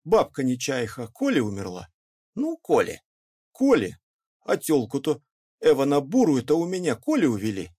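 A man reading an audiobook puts on a bitter, bellowing peasant who rants at full volume, his voice pushed up and strained with outrage. The delivery swings widely in pitch as he complains of injustice. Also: wildly swooping pitch, normal speed, husky. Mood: aggrieved. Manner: shouting, ranting, bitter. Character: loud aggrieved middle-aged peasant man, indignant.

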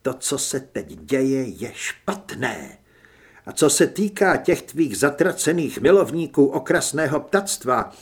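A man's voice: mid-range voice, husky, natural voice. A man reading an audiobook, voicing a stubborn, idealistic young male reporter who argues emphatically.

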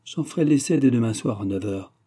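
A man's voice: medium pitch, expressive, fairly quick, mellow, breathy edge. A man voicing a cold, manipulative young man in an audiobook, speaking curtly and with irony. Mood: resolute. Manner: curt, ironic.

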